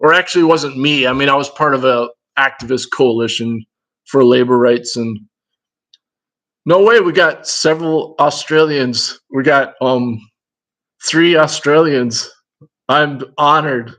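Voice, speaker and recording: A man's voice: mid-range voice, unhurried, a bit bright, low-quality recording. A man in his fifties with a Minnesota accent, chatting casually with his livestream viewers in a rambling, digressive way. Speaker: livestream host.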